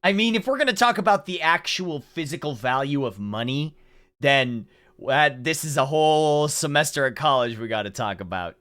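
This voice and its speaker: A man's voice: fairly high pitch, lively intonation, moderate pace, a bit bright. A man giving joking, irreverent casual commentary over a game's story, often mocking it with exaggerated delivery. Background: faint game music.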